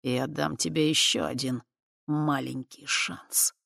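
An audiobook narrator voicing a mocking, soft-spoken male half-spirit prince who drawls his threats slowly in a dry, close recording. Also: mid-range voice, fairly even intonation, gravelly, no room sound. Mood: quiet menace. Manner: soft, slow, silky and menacing.

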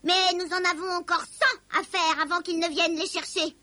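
A woman's voice: very high voice, steady tone, normal speed, sharp tone, pitched above the performer's own voice. A woman voicing a grumpy, dusty little male elf who talks snappishly. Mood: explaining. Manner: snappish, then explaining.

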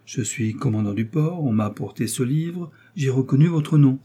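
A cold, sardonic English nobleman, read by a man in a mellow, husky voice. He needles and threatens with unhurried, icy courtesy. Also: medium pitch, expressive. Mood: smooth, ironic. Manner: sardonic, coolly menacing. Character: cold, mocking English lord, middle-aged.

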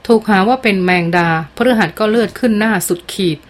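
A woman narrating a dramatic novel as an audiobook reader, in a measured and expressive manner. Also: medium pitch.

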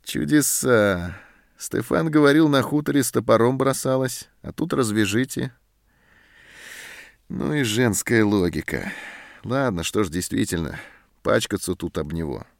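Here a man voices a short-tempered army sergeant, harsh and scornful, pitched louder and higher than his own narration. The pace is measured and the voice creaky, recorded at studio quality with no echo.

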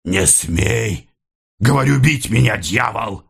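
A man reading an audiobook voices a stubborn, defiant peasant rebel who shouts heavy, accusing words. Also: lowish voice, expressive, takes it slowly, vocal fry, slightly rough, pitched above the performer's own voice, full character voice.

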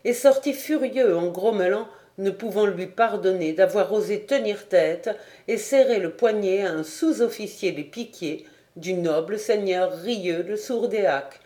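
A woman reading a historical novel aloud as an audiobook narrator, measured and clear. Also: mid-range voice, dark tone. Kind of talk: scripted narration.

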